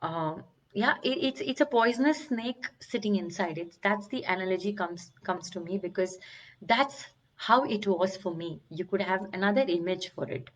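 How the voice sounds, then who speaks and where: A woman's voice: mid-range voice, normal speed. A middle-aged woman, a wellbeing coach giving an earnest, searching talk on emotional healing. She often restarts and stretches words for emphasis. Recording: slightly dull, lo-fi sound.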